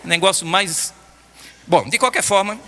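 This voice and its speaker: An older man with a Brazilian Portuguese accent preaching a sermon, telling stories in an animated way with bursts of shouting. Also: high-pitched, measured pace, a little hiss or hum. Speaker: pastor. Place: church hall. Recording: long hall reverb.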